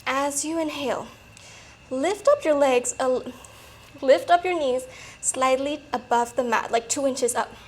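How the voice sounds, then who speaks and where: A woman coaching a workout in a peppy, encouraging manner, a little breathy from exertion. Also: high-pitched, a little slow. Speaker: fitness coach. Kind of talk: workout instruction.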